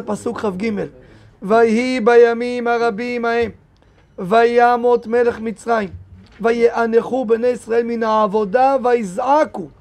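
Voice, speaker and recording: In a synagogue, a rabbi with a very high-pitched, gravelly voice gives a lively Torah lesson, reading verses aloud and firing rhetorical questions at his listeners.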